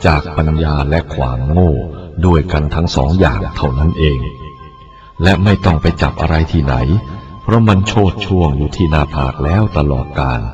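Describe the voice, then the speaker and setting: A male Buddhist monk reading a written teaching aloud in a measured, deliberate way. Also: a bass voice, a little mellow. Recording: dull lo-fi recording with faint music.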